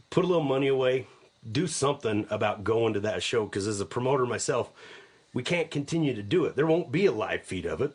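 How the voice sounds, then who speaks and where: A man's voice: mid-range voice, husky. A middle-aged man hosting a live podcast, chatting casually and enthusiastically, often repeating his words as he goes. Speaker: podcast host.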